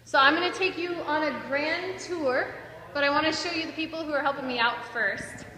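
Filming on a phone camera at arm's length, a woman in her thirties gives a chatty, playful vlog tour of her empty new house. Her voice is high, fairly quick and sharp in tone, and the large empty room indoors sounds echoey.

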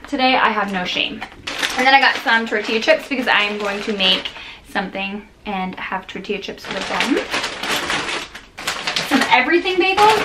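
In her home kitchen, a vlogger in her thirties chats to camera about a grocery haul, rambling, restarting often and using lots of fillers. She sounds tired. Her voice is medium-pitched with background noise, picked up by a camera sitting close on the counter.

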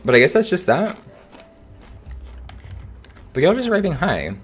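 A young man streaming a game, chatting casually with viewers in an animated, slangy way. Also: sits high, moderate pace, soft background music. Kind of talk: casual livestream chat.

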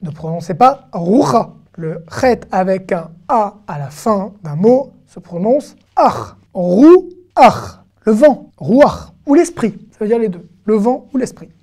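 A woman teaching an online language lesson, patiently explaining and repeating sounds slowly for learners. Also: mid-range voice, lively intonation, warm tone. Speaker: Hebrew teacher.

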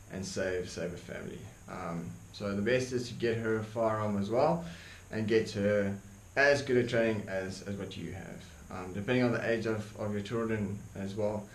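Sitting at a desk in a dark indoor room, an earnest young man from South Africa speaks his opinions to camera for his YouTube channel. His Afrikaans-accented voice is fairly low, and he often says um, repeats words, and moves his hands. Echo and a faint hiss color the recording.

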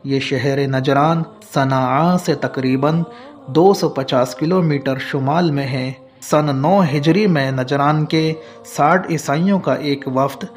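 Slow, measured man narrating. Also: a little high. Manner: measured, formal storytelling. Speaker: religious narrator. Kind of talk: scripted religious narration. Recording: faint background music.

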